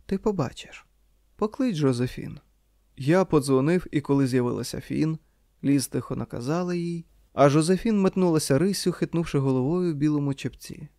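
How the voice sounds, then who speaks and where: A man narrating a literary audiobook in a calm, measured reading. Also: a little high, no room sound, clean studio sound.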